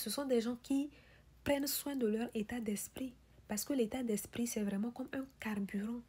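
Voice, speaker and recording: Female motivational speaker, very husky and whispery, mellow tone, insistent questions and refrains. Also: on the high side. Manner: whispery, breathy delivery. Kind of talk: motivational speech.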